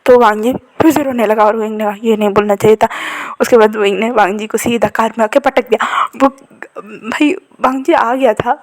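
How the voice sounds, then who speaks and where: A woman's voice: fairly high pitch, fairly even intonation, normal speed. A woman casually retelling a fan-fiction story in a chatty, conversational way. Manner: chatty, addresses listeners as "bhai".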